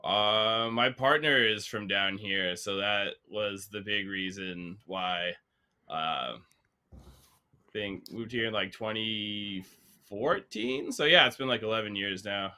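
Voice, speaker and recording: A man from Canada chats as a guest drummer, relaxed and modest, his sentences full of fillers. His voice sits low but comes out very forceful and tense. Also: slow pace, clean tone. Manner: laid-back, modest, lots of filler words. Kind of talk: casual interview chat.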